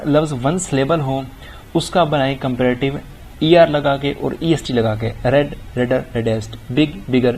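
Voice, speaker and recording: A middle-aged man teaching an English grammar lesson, reading example sentences slowly and deliberately. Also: medium pitch, a little mellow, slight background noise. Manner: explains in Urdu-leaning Hindi, reads English examples slowly and deliberately. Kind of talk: recorded grammar lecture.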